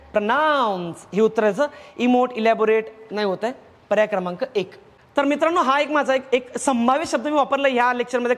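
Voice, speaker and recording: Man, Marathi accent, vocabulary teacher, asks himself questions, reverberant room. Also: extremely high pitch. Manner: repeats words in lists and asks himself questions. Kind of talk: vocabulary lecture.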